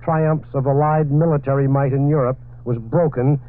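Male radio newsman from an old 1940s broadcast, tinny phone-like audio, steady reading with a few fillers. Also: mid-range voice, moderate pace. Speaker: radio news reporter. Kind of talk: 1940s radio news bulletin.

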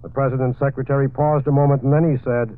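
A man's voice: medium pitch, fast. Man reading 1940s radio news. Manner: steady reading with occasional fillers. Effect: old 1940s radio broadcast. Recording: tinny old radio broadcast.

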